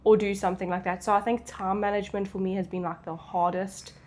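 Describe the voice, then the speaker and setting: A woman's voice: mid-range voice, flat delivery, fast talker, darkish tone. A woman with a South African English accent, chatting casually as she answers questions as a content creator. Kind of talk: casual Q&A chat.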